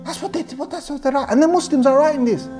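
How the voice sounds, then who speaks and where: A man's voice: extremely high pitch, fast talker, mellow, soft background music. A male preacher giving an informal sermon. He speaks earnestly, repeats himself often, and uses many fillers. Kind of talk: informal sermon to a young audience.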